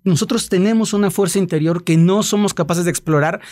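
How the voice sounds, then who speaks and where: A man's voice: sits high, a little fast, a little mellow. A man, a podcast guest and author, telling a personal story in casual chat and acting out the quotes. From Mexico.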